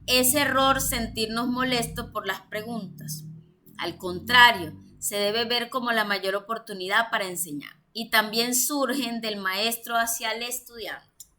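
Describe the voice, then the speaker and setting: Colombian woman giving a church class, bright voice, reads a point then explains it, lots of "eh". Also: fairly high pitch, a little hiss or hum. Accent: Colombian Spanish. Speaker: teacher. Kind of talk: church teacher's lecture.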